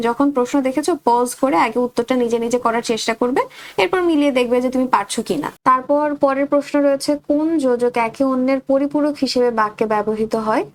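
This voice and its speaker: A woman tutor with a Bangladeshi Bengali accent running a quick exam revision, reading each question and giving the answer straight to her students. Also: sits high. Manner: rapid question-and-answer drilling, addresses students directly.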